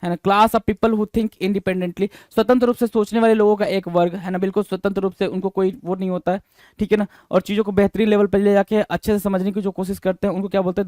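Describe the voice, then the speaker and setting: High-voiced man teaching vocabulary. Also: a little mellow, dry recording. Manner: spells words letter by letter, repeats answers, calls students bhai; reads English definitions slowly, then explains in quick Hindi. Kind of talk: exam-prep vocabulary lesson.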